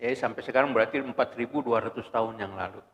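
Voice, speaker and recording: A man's voice: medium pitch, fast, a little hiss or hum. A man giving a humorous Quran exegesis lecture in a mosque, asking rhetorical questions and chuckling often. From Brunei. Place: mosque hall. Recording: muffled lo-fi recording with long hall reverb.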